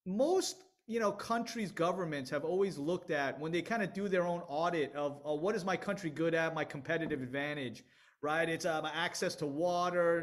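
A middle-aged man speaking on a video call in an online panel discussion, energetic and emphatic, often restarting his sentences. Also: high voice. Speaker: venture capital panelist.

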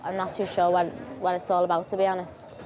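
Woman over clear background noise. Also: lowish voice, monotone, fast, darkish tone. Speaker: airline supervisor. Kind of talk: documentary interview talk.

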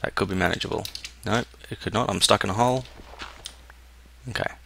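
A man's voice: on the low side, a little fast, vocal fry, sharp tone, slight background noise. A young man giving casual let's-play commentary, muttering and thinking aloud as he plays. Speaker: gameplay commentator.

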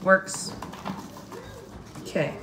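Casual woman vlogger in an echoey house. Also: very slow. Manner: colloquial, mild swearing. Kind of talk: casual vlog chat, thinking aloud. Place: indoors at home, kitchen and other household rooms. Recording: echoey rooms with clear background noise.

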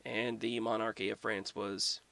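A man's voice: on the low side, level tone, unhurried, creaky, pushed and bright. A young man giving a casual, profane and sarcastic history rant as a vlogger.

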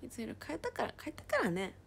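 A woman casually chatting on a livestream, reading viewer comments aloud and often dropping into a soft whisper. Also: a little high, huge pitch swings, fast talker, gravelly, a little hiss or hum. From Japan.

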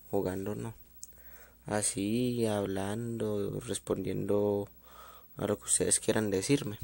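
A man's voice: fairly low pitch, creaky, mellow, dry recording. A man closing his video in a casual chat, hesitant and full of fillers, recorded close to the mic. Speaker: youtuber.

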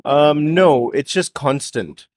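A young man with an Indian accent speaks haltingly and conversationally, as a patient in a mock consultation. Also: on the high side, a little mellow, no room sound, clean studio sound. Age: young adult. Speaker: developer playing a patient in a software demo.

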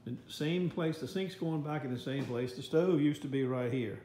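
An older American man vlogs on a handheld phone, giving a casual, rambling tour inside a house under renovation and later outdoors. He's folksy and plain-spoken, with a fairly high, mellow voice at a moderate pace. The handheld audio picks up echoey rooms and background noise.

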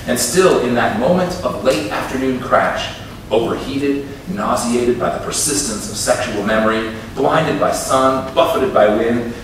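A man from Minnesota giving a live poetry reading to an audience in a university room, measured in the poems and wry and offhand in the asides between them. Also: fairly high pitch, fairly bright tone. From Minnesota, USA. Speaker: poet. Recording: echoey room, distant mic, background noise.

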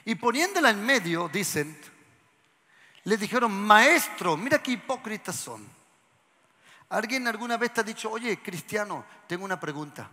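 A pastor preaching to his congregation, moving hushed whispers to shouts and asking the crowd questions. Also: high voice, big pitch swings, normal speed. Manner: asks the congregation questions and has them repeat lines. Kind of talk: lively sermon to a congregation. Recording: church hall with long reverb.

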